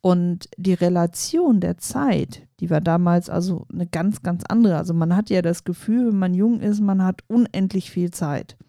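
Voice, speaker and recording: A woman in her forties hosting a coaching podcast, talking calmly and reflectively straight to the listener. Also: lowish voice, normal speed, creaky, hardly any pauses, dry recording, studio quality. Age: 40s. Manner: calm, reflective, addresses listener directly. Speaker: podcast host.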